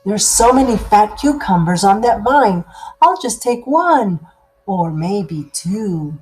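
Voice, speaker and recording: A woman's voice: mid-range voice, lively intonation, darkish tone, slight background noise, poor audio. A woman voicing a lazy, grumpy, stubborn male spider in a children's story, with cranky, emphatic delivery. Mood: greedy, amazed. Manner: cranky, emphatic, drawn-out refusals.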